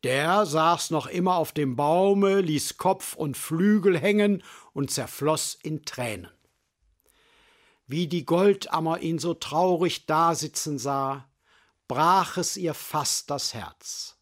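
Slow, expressive male storyteller. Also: on the high side. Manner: slow, expressive fairy-tale reading. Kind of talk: storybook reading.

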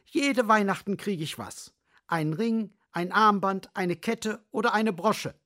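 A man voicing a vain, greedy magpie in a storybook fable, in a high, shrill voice. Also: slow pace, bright, forceful tone, exaggerated voice.

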